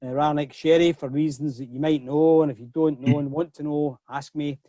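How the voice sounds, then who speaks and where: A man's voice: on the high side, steady tone, fairly quick, mellow, no room sound. A middle-aged man hosting a whisky tasting over a video call, chatty and often repeating words as he starts a sentence. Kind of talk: casual online tasting talk.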